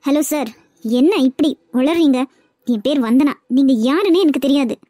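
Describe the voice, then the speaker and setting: A woman dubs a cartoon web series, voicing a frightened young widow who is a new office worker; the character is scared and flustered yet firmly refuses. She has a Kanyakumari Tamil accent and a high, warm voice at normal speed, lightly acted, in clean studio sound with no room tone.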